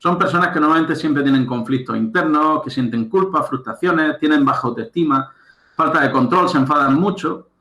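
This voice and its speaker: A man's voice: a little high, normal speed, bright, forceful tone, reverberant. A man giving a recorded lecture as a coach, explaining step by step and often checking understanding with "right?". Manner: explanatory, checks understanding with frequent "¿de acuerdo?" and "¿vale?".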